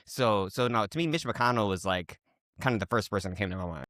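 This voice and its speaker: A man's voice: fairly low pitch, fairly bright tone, dry recording, clean studio sound. A man co-hosting a podcast in casual chat, often stumbling and restarting his words. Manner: halting, stumbles over words. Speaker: podcast co-host.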